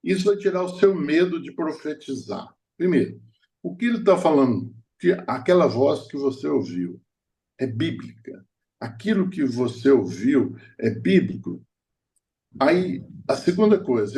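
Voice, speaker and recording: A man's voice: fairly high pitch, sing-song, unhurried, darkish tone. A middle-aged man preaching a sermon as a prophet, telling personal stories with frequent restarts. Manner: storytelling, hesitant restarts, laughing at own stories.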